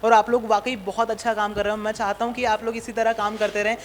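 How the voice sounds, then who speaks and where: A man's voice: sits high, level tone, fast talker, slight background noise. A man interviewing people at a blood donation camp, upbeat and encouraging, mixing in English words as he talks. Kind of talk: casual on-location interview.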